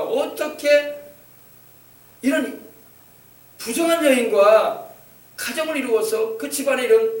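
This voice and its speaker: A man's voice: very high-pitched, reverberant, recorded from a distance. A man preaching a sermon as pastor, often calling out hallelujah and acting out quoted dialogue. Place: church sanctuary.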